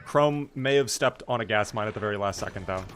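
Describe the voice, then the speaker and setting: A man's voice: lowish voice, quick pace, a bit bright, soft background music. A man hosting casual esports commentary, chatty and joking as he banters. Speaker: esports match host and commentator.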